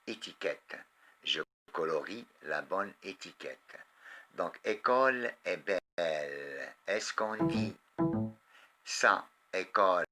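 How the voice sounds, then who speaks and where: Slow, deep-voiced Moroccan French teacher. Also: male voice, sharp tone. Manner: reads words and sentences aloud slowly, then quizzes pupils. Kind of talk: slow, deliberate classroom lesson.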